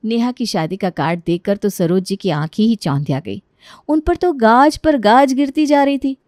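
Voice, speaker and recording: A woman's voice: fairly high pitch, normal speed, darkish tone, no room sound, clean studio sound. A woman narrating a cartoon story in a chatty, scripted style, talking straight to the listener. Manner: chatty, addresses listener directly.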